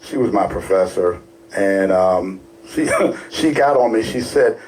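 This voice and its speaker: A man's voice: deep voice, animated, measured pace, a little mellow, poor audio. Rambling Baltimore man co-hosting radio talk. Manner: rambling, lots of fillers and restarts. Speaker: radio show co-host. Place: radio studio.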